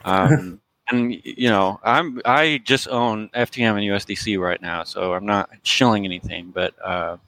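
A man's voice: fairly low pitch, measured pace, a bit bright, rough recording. A man co-hosting a casual podcast chat, rambling and joking with lots of fillers. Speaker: crypto podcast co-host.

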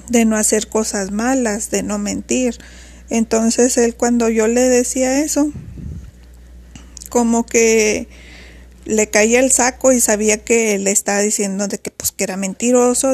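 Woman, personal storytelling, earnest, higher voice, steady even tone. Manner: earnest, reflective, recounting at length.

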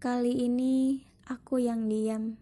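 A young woman reads her story slowly, her voice mellow and a little high. She keeps the delivery flat, soft and melancholic, with faint music underneath. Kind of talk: slow reflective story reading.

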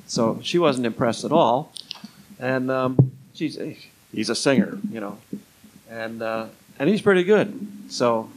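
A retired music club booker, now an older man, rambles through anecdotes in an interview, slipping into quoted dialogue as he talks. His voice is mid-range, and the recording quality is low.

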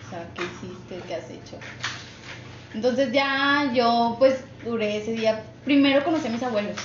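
A woman's voice: fairly high pitch, moderate pace. A young Mexican woman with a Mexican accent telling a personal story on a podcast, emotional and chatty, laughing often. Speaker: podcast guest. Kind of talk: casual storytelling. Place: office. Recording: echoey office, muffled, noisy.

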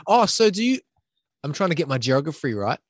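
A man's voice: a little high, sing-song, a little fast, no room sound, studio quality. A man from New Zealand with a New Zealand accent, hosting a podcast in casual Kiwi English sprinkled with Maori greetings and slang. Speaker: podcast host. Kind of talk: casual chat.

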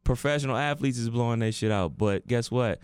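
A man's voice: medium pitch, brisk, smooth, no room sound, clean studio sound. A man in his thirties hosting a casual chat, slangy and playful in his banter.

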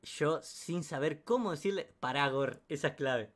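A man with an Argentine Rioplatense accent telling a comic anecdote in a slangy, animated way, full of sound effects and asides. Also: on the high side, moderate pace. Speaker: storyteller.

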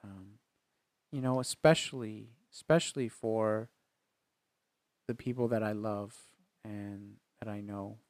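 Earnest, halting male podcast co-host. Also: lowish voice, steady tone, darkish tone, no room sound. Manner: earnest, halting, many restarts. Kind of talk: casual faith chat.

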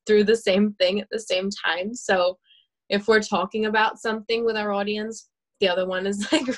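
Woman guest, casual spiritual chat, chatty and filler-heavy, mid pitch. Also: rough recording. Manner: chatty, laughs often, many fillers.

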